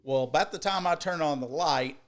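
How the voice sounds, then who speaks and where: A man co-hosting a podcast, telling a rambling, profane story in an animated way with many restarts. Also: fairly high pitch, brisk. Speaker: podcast co-host. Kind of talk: casual storytelling.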